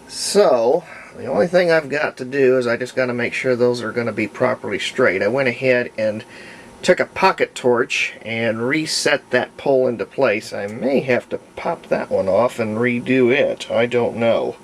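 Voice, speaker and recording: Folksy and digressive, a hobbyist restorer explains a repair off the cuff, musing aloud along the way. His voice is mid-range with vocal fry, at a normal speed, with a little hiss or hum on the recording.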